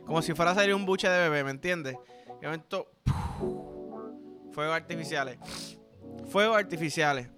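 Over background music, a young man with a high-side voice and Puerto Rican accent talks a little fast. As host of a laid-back comedic podcast, he rambles with crude humor and keeps checking in with whoever's listening.

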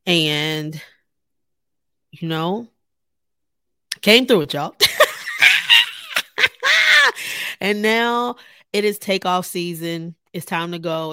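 A woman's voice: lowish voice, a bit bright, no room sound, clean studio sound. A woman hosting her own podcast, talking casually and animatedly straight to her listeners, laughing often. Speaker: podcast host. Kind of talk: casual solo podcast talk.

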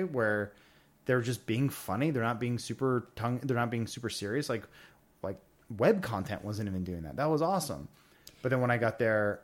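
Guy on a podcast just chatting, kinda low voice, rambly and informal. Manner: informal, rambling, quoting himself and others. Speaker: podcast guest. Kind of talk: casual conversational storytelling.

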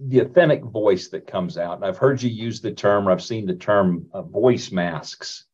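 Deep-voiced male host, dull sound. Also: normal speed, a little mellow, breathy edge. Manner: searching, restarts with fillers. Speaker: podcast host. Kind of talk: interviewing a guest.

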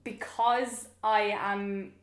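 A woman's voice: mid-range voice, steady tone, drawn-out words. Young Kerry woman, roomy recording. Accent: Kerry, southwest of Ireland. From County Kerry, Ireland. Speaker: interviewee. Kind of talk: casual chat. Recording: roomy echo with music behind.

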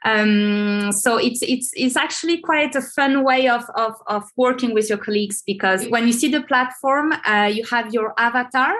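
A woman's voice: a little high, normal speed, hardly any pauses, a bit bright. A woman being interviewed over a video call, talking casually with many fillers and restarts. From Venezuela. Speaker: guest, marketing manager. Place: home in Paris.

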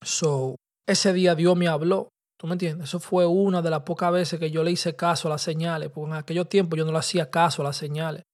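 A man's voice: a little high, fairly even intonation, fairly quick, darkish tone. A young man with a Dominican Spanish accent tells a personal story in loose street slang, casual and conversational, dropping English words. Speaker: podcast host telling a personal story.

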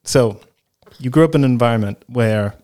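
A man hosts a casual interview in a middling voice. He is friendly and chatty, often dropping in quick "yes" replies while his guest talks. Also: mid-range voice, a little mellow. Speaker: podcast host.

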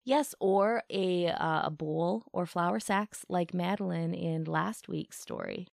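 A woman host narrating a rhyming children's story in a gentle, rhythmic way, voicing its splashes and scoots with play. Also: lowish voice, sing-song, slow, gravelly, no room sound, studio quality. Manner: gentle, rhythmic reading with playful sound words. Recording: soft music behind the voice.

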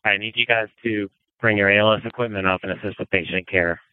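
A man's voice: lowish voice, fairly even intonation, fast, a little hiss or hum. A man acting as fire incident commander, giving businesslike orders over the radio. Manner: businesslike, directive. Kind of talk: fireground radio dispatching. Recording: narrow, phone-like radio audio.

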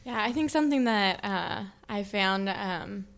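A woman's voice: mid-range voice, lively intonation, measured pace. A young mother speaking candidly in a casual chat, reflective, with many fillers. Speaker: parent guest on a panel.

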